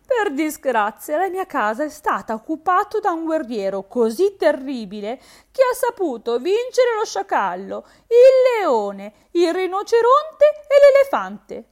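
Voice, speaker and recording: A frightened little hare from a fairy tale, pleading in a high, plaintive voice, as a woman storyteller puts her on. The pitch swings widely from phrase to phrase. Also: animated, unhurried. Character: timid frightened female hare.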